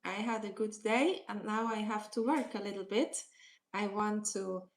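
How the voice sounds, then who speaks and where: A middle-aged woman with a Swiss German accent, teaching on a live stream, slowly repeating questions to her viewers and switching into English. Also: medium pitch, steady tone. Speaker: language teacher.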